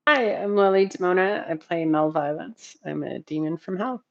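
Lowish creaky woman on a dull mic. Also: moderate pace. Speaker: tabletop game player. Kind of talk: casual self-introduction. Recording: dull lo-fi microphone.

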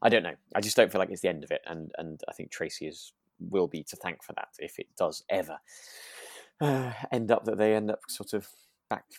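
A British podcast co-host chats casually about a radio drama, sounding tentative and often rephrasing as he goes. His voice sits low and moves fairly quickly, recorded at studio quality with no room sound.

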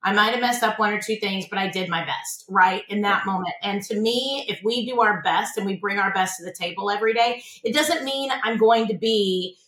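A woman's voice: medium pitch, fairly quick, few pauses, a bit bright, reverberant, poor audio. A woman who owns an insurance agency, a podcast guest talking about her work in an earnest, motivational way and often repeating words as she starts a thought. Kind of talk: casual interview chat.

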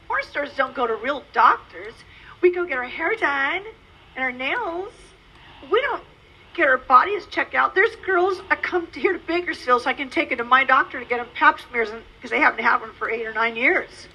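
A woman giving an earnest, emotional personal testimony, speaking haltingly with many restarts. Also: high voice, pushed and bright, low-quality recording. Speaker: former adult-film performer giving a testimony.

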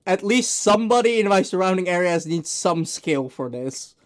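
A young man hosting a casual podcast with friends, talking in a halting, rambling way full of restarts and fillers. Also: high-pitched, expressive. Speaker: podcast host. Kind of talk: casual chat among friends.

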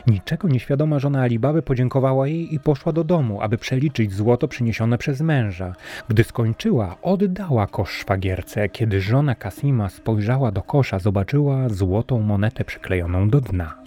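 A man narrating a fairy tale in a steady, even storytelling manner. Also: medium pitch, moderate pace, few pauses.

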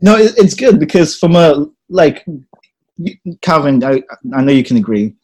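A man's voice: fairly high pitch, normal speed, husky, rough recording. A young man from Ghana who grew up in England, chatting casually as a podcast guest with plenty of ums. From Ghana, raised in England. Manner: relaxed, chatty, laughs easily, many ums. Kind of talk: casual chat.

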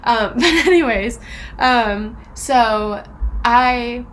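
Young female podcast co-host, slightly high pitch, expressive casual storyteller, faint background noise. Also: extremely slow. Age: young adult.

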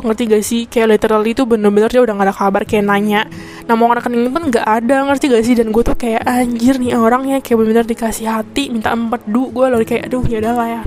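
A woman's voice: a little high, darkish tone. A young woman with Jakarta slang, venting in a rambling, chatty monologue full of self-corrections. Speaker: podcast host.

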